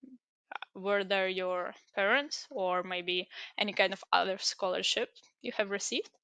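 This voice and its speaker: Her voice sits in the mid-range and moves a little slowly, pushed and bright, with the highs cut off and no echo. She is a young native Ukrainian speaker presenting a tutorial. In this screen-recorded walkthrough she explains an online application step by step, full of hesitations and fillers.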